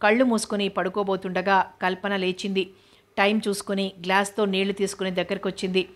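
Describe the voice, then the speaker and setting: A woman reading a novel aloud, narrating in a steady, even way. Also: medium pitch, fairly quick. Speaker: novel reader.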